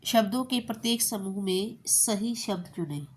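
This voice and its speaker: Woman teacher, patient and repetitive, says the words slow for the kids, mid pitch, bit of faint noise behind. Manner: patient, repeats words slowly, says "theek hai" often. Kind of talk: Hindi spelling lesson for children.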